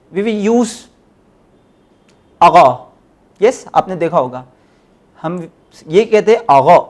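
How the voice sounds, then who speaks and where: A man teaching Persian in a recorded lecture, explaining step by step, switching into English and repeating his key points. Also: high voice. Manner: spells out letters one by one.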